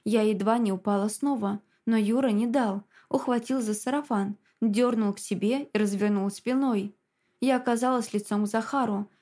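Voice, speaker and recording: A woman's voice: on the high side, steady tone, normal speed, mellow. A woman reading a dramatic first-person audiobook story in a tense manner. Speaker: audiobook narrator.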